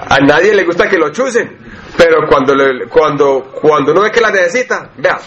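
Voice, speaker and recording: A man's voice: a little high, lively intonation, normal speed, a crowd in the background. A man preaching a sermon, talking in a conversational way and often asking the congregation questions. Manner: conversational, asks the congregation questions, acts out everyday voices. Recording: dull lo-fi recording with faint noise.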